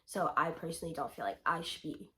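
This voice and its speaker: A woman's voice: low voice, fast talker, sharp tone, a little hiss or hum. A woman hosting her own commentary vlog, blunt and opinionated with casual swearing, sounding sick and short of breath from breathing through her mouth. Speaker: channel host.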